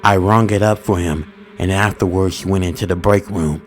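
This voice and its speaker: A man narrating a first-person horror story in a steady, ominous storytelling manner with informal grammar. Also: deep voice, normal speed, a little hiss or hum.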